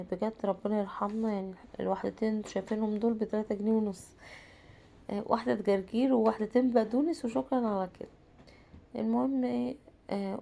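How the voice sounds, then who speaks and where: A woman's voice: mid-range voice, gravelly, mellow. A woman in her thirties with an Egyptian Arabic accent, who has a cold, chatting casually through her cooking day and answering her own questions. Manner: chatty, asks herself questions and answers them. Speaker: home vlogger and mother. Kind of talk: casual cooking vlog narration.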